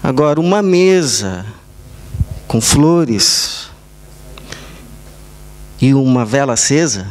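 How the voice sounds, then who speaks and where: A man with a Brazilian accent preaching a sermon as pastor, telling small stories in short, measured phrases. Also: medium pitch, expressive. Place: church service.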